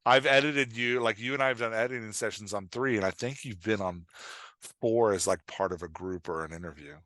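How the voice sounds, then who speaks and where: A middle-aged man, a fiction writer and dialogue coach, appears as a podcast guest and talks candidly and conversationally. His voice is lowish, brisk and a bit bright, recorded dry. He pokes fun at himself and acts out imagined remarks.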